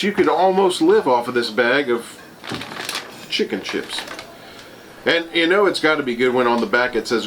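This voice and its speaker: A man's voice: medium pitch, fairly bright tone. A man giving a casual taste-test review as host, rambling and thinking aloud. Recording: clearly noisy room ambience.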